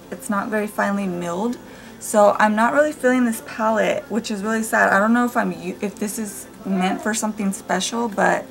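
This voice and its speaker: A young woman chatting casually while doing her makeup at home, her voice raspy from just waking up, rambling with fillers and small laughs. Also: mid-range voice, low-quality recording. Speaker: beauty vlogger. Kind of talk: casual get-ready-with-me chat. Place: home room with family nearby.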